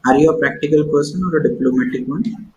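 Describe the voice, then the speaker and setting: A man with an Indian accent plays a job interviewer, posing probing questions and illustrating each with examples. His voice is on the high side, a little mellow, and quick, captured in an echoey room with faint noise.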